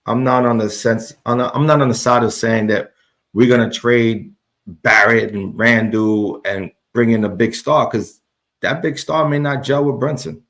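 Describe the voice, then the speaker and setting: A man's voice: medium pitch, moderate pace, fairly bright tone. A man with a Brooklyn accent, in a casual sports debate.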